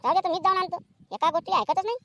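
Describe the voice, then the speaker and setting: A woman voicing a sharp-tongued, nagging village mother in a cartoon comedy. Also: very high-pitched. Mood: scolding. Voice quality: nagging, scolding, rapid-fire.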